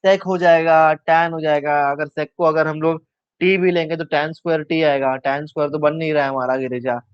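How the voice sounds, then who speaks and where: Male maths tutor, slightly high voice, dull dry recording, walks students through steps and quizzes them. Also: fairly even intonation, moderate pace, smooth, dry recording. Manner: talks through steps aloud, asks students questions; mixes English maths terms into Hindi. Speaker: maths teacher. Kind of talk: live online maths class.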